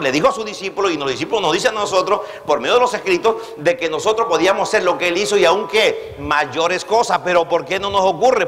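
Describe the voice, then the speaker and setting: A man's voice: sits high, a bit bright, big-room sound. A man preaching a sermon, throwing questions to the congregation and having them repeat after him. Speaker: pastor.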